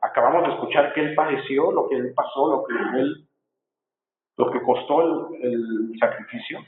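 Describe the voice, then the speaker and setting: A man's voice: mid-range voice, moderate pace. Earnest preacher man, echoey tinny sound. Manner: earnest, presses listeners with repeated rhetorical questions. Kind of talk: sermon.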